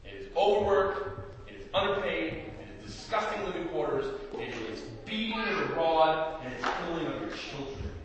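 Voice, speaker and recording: A man from Appalachia preaching a sermon in a big, loud voice to a church group, with jokey, self-mocking asides. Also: on the high side, normal speed. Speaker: guest preacher and youth speaker. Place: church hall, large room. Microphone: no microphone, picked up from a distance. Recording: echoey hall from far off.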